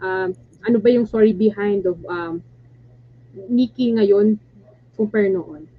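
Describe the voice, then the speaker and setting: A woman's voice: medium pitch, measured pace. A woman with a Filipino accent hosting a casual online interview, hesitant with many fillers and restarts. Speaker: host, coach. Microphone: video call. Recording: dull lo-fi call audio with faint hum.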